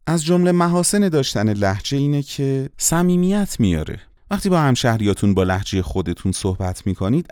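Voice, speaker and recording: A man teaching a lesson on dialects and accents to voice actors, explaining in a lively, teacherly way and asking rhetorical questions. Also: fairly low pitch, no echo, studio quality. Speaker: voice-acting teacher.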